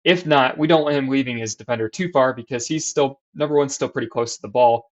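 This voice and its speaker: A basketball coach with a mid-range voice talks quickly through defense in a voice-over on diagrams and game clips. He restarts and uses fillers as he draws on screen and points things out, and the sound is slightly dull and lo-fi.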